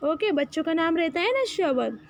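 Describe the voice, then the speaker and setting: A woman's voice: very high voice, sing-song, muffled recording. A woman teaching children the Hindi alphabet, patiently calling out letters and stretching each word for them to repeat. Her first language is Marathi. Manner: slow, drawn-out, patient, calls out letters for repetition.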